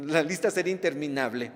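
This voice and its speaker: A man's voice: fairly high pitch, a little fast, big-room sound. A man preaching a sermon, emphatic, repeating key words and checking in with the congregation. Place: church.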